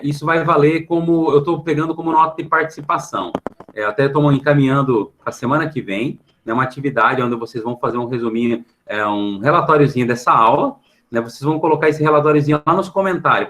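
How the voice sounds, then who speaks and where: Speaking in a mid-range, fairly bright voice with a Brazilian Portuguese accent, a Brazilian man runs an online class for middle schoolers. His patient explanations are punctuated by check-ins after nearly every phrase and a questioning tag in the pauses. The computer mic on the video call gives a rough recording.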